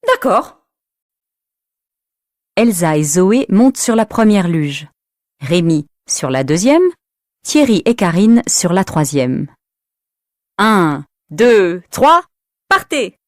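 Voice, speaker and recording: Slow, expressive woman storyteller. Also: on the low side, no room sound, clean studio sound. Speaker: narrator. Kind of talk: slow, clear storybook reading for language learners.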